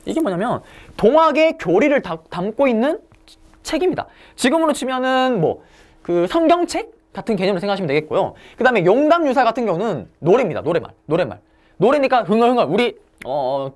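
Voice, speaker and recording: A woman giving an exam-prep history lecture, asking the class questions and answering them herself. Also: on the high side.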